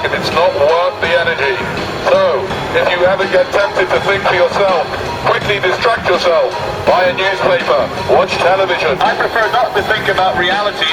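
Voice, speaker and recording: Guy on a megaphone outside doing fake official announcements, deadpan, kinda high voice. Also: roomy sound, poor audio. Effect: speaking through a megaphone. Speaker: street performer. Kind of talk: mock official public announcement. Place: outdoors in a public street.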